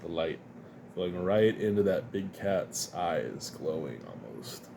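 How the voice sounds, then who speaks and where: With a low, gravelly voice and a slow pace, a man casually unboxes his comic and card haul amid background noise. He is a comic collector vlogger who rambles easily, laughs often, and is a bit sniffly from dust.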